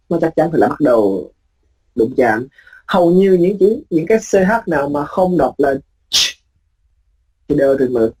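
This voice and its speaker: A man teaching a recorded phonetics lecture, his voice a little husky and pitched somewhat high for a man. He explains patiently and repeats the main points, slowing right down to stretch out each example word. The tone stays steady and instructive. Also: low-quality recording. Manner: explains patiently, drawing out example words slowly; repeats points for emphasis with tag words.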